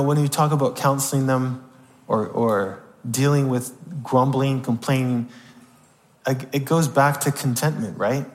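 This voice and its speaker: A man leads a relaxed Bible class and often checks in with his listeners. His voice sits at an ordinary middle pitch. A long reverb trails behind every phrase, as if he were recorded in a large hall. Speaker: Bible teacher. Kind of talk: informal Bible class teaching.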